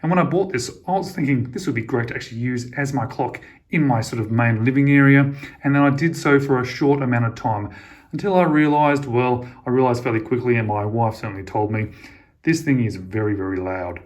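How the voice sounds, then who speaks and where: A man's voice: medium pitch, a little fast. A man, chatting casually and with enthusiasm as he reviews a vintage alarm clock for his channel.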